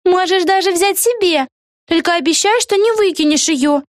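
A woman's voice: very high voice, moderate pace, dry recording, studio quality, pitched above the performer's own voice. A woman voicing a cheerful, scatterbrained young witch girl in a storybook reading, bubbly and sing-song. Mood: cheery.

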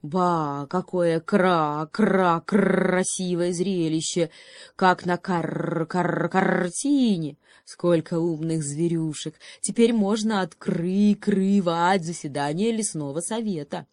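A woman's voice: fairly low pitch, slow pace, darkish tone, no room sound, clean studio sound. A woman voicing a mocking male raven in a storybook who stammers into caw-like sounds. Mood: teasing. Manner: stretches and repeats sounds like a caw.

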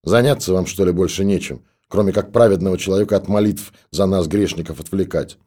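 Male narrator as a gruff, scolding stoker with a low, dark voice. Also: a little fast. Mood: grumbling. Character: gruff old stoker in a monastery.

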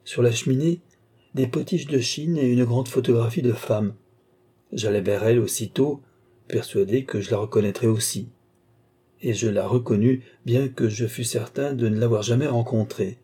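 A man narrating a classic story as an audiobook, in a measured literary reading that voices the dialogue lightly. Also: mid-range voice, dark tone, husky.

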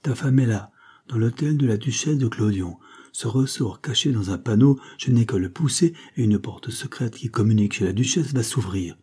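A man reading an audiobook, voicing a furious, imperious Creole woman in a sharp, commanding manner. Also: mid-range voice, normal speed, husky, natural voice.

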